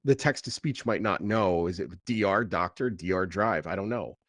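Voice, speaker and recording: A deep-voiced man, a tech founder appearing as a podcast guest, explains things in a casual, halting way and often repeats words as he goes. The recording is dry, with very little room sound and no echo, and his tone comes across fairly bright.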